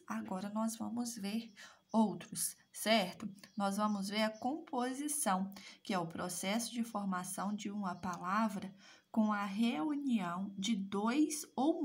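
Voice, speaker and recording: A woman's voice: medium pitch, slightly rough. A woman teaching a recorded language class, explaining step by step and checking in with "right?" after each point. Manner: explanatory, asks "certo?" and "né?" again and again. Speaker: Portuguese teacher.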